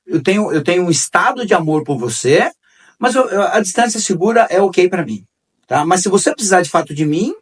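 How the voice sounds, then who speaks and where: A man's voice: sits high, animated, a little fast, breathy edge, far from the mic. A man hosting a conversational talk on forgiveness, repeating key phrases and telling stories. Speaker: host.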